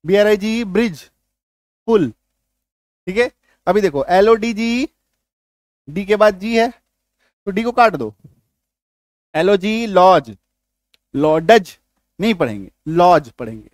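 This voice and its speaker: A man's voice: high voice, animated, slow, pauses often, no echo, clean studio sound. A man teaching an English pronunciation lesson, spelling words out letter by letter and asking rhetorical questions.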